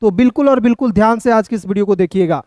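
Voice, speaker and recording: A man's voice: high-pitched, fast, a little mellow, no echo. A man teaching an online English reading lesson, spelling words out letter by letter and repeating himself patiently as he addresses viewers as friends.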